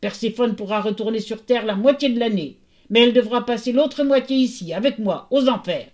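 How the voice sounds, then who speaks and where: Lady doing a gruff roaring underworld king, loud and bossy. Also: fairly high pitch, brisk, pitched above the performer's own voice, lightly acted. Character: domineering male king of the underworld.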